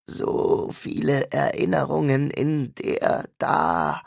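A ravenous demon hisses out slow, broken words in a scratchy, gravelly rasp, as a man puts it on. The husky voice crawls along in fragments, hungry and alien. It sounds dry and close, like a fantasy audiobook. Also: a little high, steady tone, dry recording, pitched above the performer's own voice, full character voice. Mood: hungry hissing. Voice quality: scratchy, halting.

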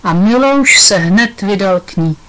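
A woman reading a children's storybook aloud in a gentle, even narration. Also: medium pitch, rough recording. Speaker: audiobook reader.

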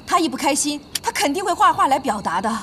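An actress playing a frantic, hot-tempered middle-aged mother in a TV drama, excitable and quick to scold. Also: high voice, slight background noise, exaggerated voice. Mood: agitated. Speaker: mother of a grown daughter. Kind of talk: TV drama acting. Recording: faint music behind.

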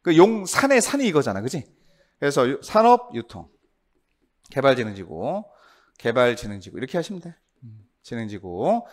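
Animated Korean male law lecturer. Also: medium pitch, normal speed. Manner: lively, coaxing, quizzes the class with tag questions. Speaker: real estate law instructor. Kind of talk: exam review lecture.

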